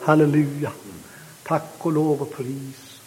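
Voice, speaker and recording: Male preacher, high voice, fervent sermon with frequent hallelujahs, long hall reverb. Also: little pitch movement, darkish tone. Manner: fervent, repeated hallelujahs, rising to high emotional peaks. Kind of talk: sermon and prayer.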